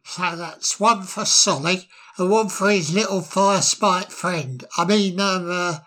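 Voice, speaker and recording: A man's voice: sits high, slow, pushed and bright, heavily acted. A man voicing a rude, drunken male frogmouth bird who slurs and laughs raucously in a storybook reading. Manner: slurring, raucous laughing, brash.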